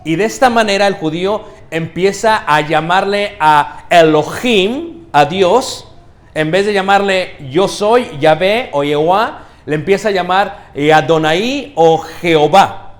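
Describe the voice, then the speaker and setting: A preacher checking in with his congregation. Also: high voice. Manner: checks in with the congregation, asking questions and saying "¿ok?"; slow, stressed delivery of key words. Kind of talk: teaching sermon. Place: church.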